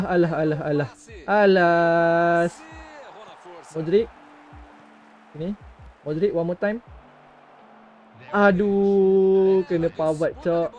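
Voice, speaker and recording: High-pitched Malaysian man commentating his game. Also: a little mellow. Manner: reactive, short exclamations and muttered asides while playing. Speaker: gaming streamer. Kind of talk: live commentary on own mobile football game.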